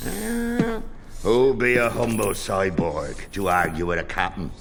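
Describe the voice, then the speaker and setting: A man voicing a sly, mock-humble pirate cyborg in an animated film, with a thick accent and slurred delivery. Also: on the low side, a little slow, vocal fry, background noise.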